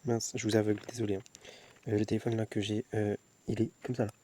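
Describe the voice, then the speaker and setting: With a warm, lowish voice that barely shifts in pitch, a young man speaks quickly in a casual night-time vlog shot on his phone at home. He rambles and jokes at his own expense, often starting over and repeating words.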